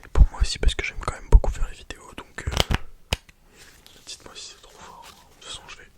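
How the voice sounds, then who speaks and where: Hesitant whispering young ASMR creator. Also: fairly quick. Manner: hesitant, improvising, with casual slang. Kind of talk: whispered ASMR talk to viewers. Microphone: sensitive ASMR mic, close.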